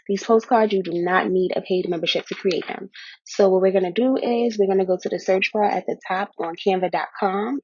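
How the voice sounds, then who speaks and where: A woman's voice: mid-range voice, a little mellow, breathy edge, dull audio. A woman who runs a small candle business, giving a casual how-to tutorial in a chatty way, calling her viewers y'all, a little out of breath.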